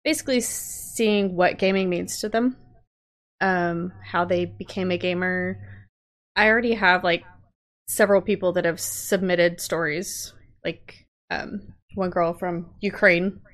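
A woman's voice: on the low side, fairly even intonation, a little slow. A woman guest on a podcast, earnestly explaining a project in casual talk. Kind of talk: casual chat.

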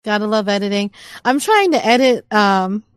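A woman's voice: medium pitch, lively intonation, moderate pace, clear, resonant tone, dry recording. A woman guest on a podcast, chatting casually and laughing often. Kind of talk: casual chat.

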